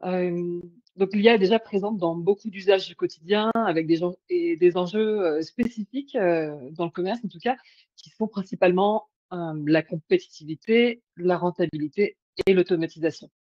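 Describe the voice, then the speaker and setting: A woman's voice: fairly low pitch, normal speed, a little mellow, no echo. A woman presenting a webinar over a video call, hesitant, with many fillers and restarts. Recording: dull lo-fi call audio.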